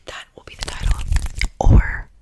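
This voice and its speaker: A woman whispering close to the mic in an ASMR poetry reading, softly repeating words as triggers. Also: normal speed, poor audio. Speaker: ASMR creator.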